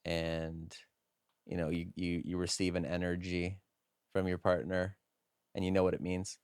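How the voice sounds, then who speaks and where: Low-voiced man with dry teasing humor. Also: completely flat delivery, unhurried, darkish tone, smooth, no echo. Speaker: podcast co-host. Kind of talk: casual podcast chat.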